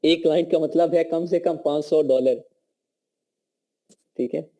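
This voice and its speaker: A man's voice: fairly high pitch, fairly even intonation, unhurried, warm tone. A man with a Pakistani accent and a sore throat, teaching a live online course over a call and checking in with his students often. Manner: conversational teaching, frequent check-ins. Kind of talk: live online class lecture.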